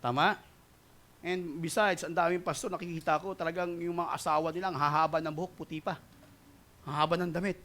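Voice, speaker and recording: A male pastor preaching a sermon, mixing Tagalog with English and often asking the congregation "right?" as he swings between loud and soft delivery. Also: fairly high pitch, steady tone, a little fast. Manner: mixes Tagalog and English, keeps asking the crowd "di ba?" and "tama?".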